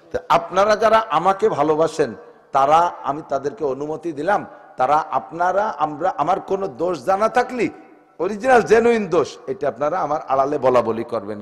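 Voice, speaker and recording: Gopalganj Bengali preacher, male, pitched a little high, moves from shouting to quiet asides, reverberant hall. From Bangladesh. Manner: swings from shouted exhortation to soft, joking asides. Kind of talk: Islamic sermon to a congregation.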